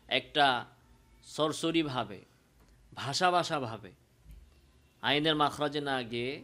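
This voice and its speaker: Bangladeshi male recitation teacher, high bright voice, unhurried, drawn-out sung examples. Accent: Bangladeshi Bengali. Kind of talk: tajweed pronunciation lesson.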